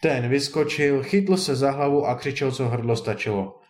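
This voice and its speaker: A man reads a folk fairy tale aloud with steady, expressive storytelling. His voice sits at a middle pitch, and the room adds a noticeable echo. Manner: slow, expressive reading. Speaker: narrator. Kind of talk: storybook reading.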